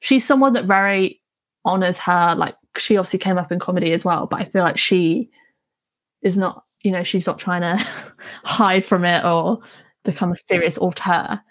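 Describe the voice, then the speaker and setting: A woman film journalist guesting on a podcast, relaxed and chatty, laughing often. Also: lowish voice, normal speed, no echo. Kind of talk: casual film chat.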